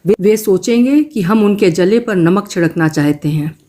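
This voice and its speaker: A middle-aged husband with a dry, sardonic wit, read by a woman storyteller in a storybook reading. He speaks in a calm, wry and understated way. The voice stays at a plain middle pitch. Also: moderate pace, close to an everyday voice.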